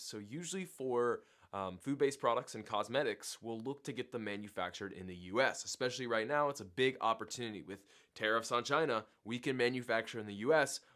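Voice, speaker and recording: A man's voice: mid-range voice, bright, forceful tone. A man with a sick voice, co-hosting a livestream and walking viewers through steps in an upbeat way. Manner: upbeat, explanatory. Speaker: co-host. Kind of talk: livestream tutorial.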